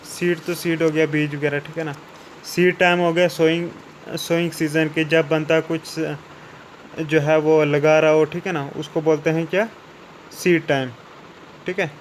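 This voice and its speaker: A man teaching English vocabulary, explaining each word in Hindi. He keeps checking with "theek hai na" and slows down to read out the English definitions. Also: on the high side, flat delivery, slight background noise, rough recording. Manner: repeats "ठीक है ना" after each point, slows down for English definitions.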